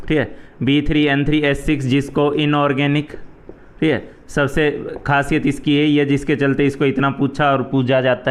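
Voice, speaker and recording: Male chemistry teacher with a Hindi accent, clear and resonant voice, patient step-by-step revision delivery. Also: fairly high pitch. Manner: explains step by step, repeats "ठीक है" often. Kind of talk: exam revision lecture.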